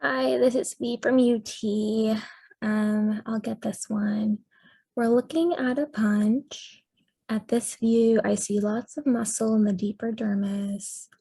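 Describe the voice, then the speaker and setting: A woman's voice: on the high side, steady tone, slow pace, mellow, breathy edge, no echo. A woman resident answering questions in a case review over a video call, thinking aloud tentatively with many ums. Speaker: dermatology resident.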